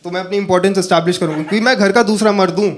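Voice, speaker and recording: Man, stand-up comedian, from northern India, high voice, animated storytelling, loud background noise. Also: rapid-fire. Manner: animated storytelling, talks to the audience. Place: comedy stage with a live audience.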